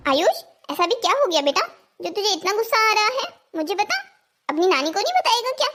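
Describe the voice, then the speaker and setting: A woman's voice: very high voice, very animated, brisk, a bit bright, exaggerated voice. A woman voicing a fussy, worried old grandmother in a cartoon story, scolding and alarmed. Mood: coaxing. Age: older.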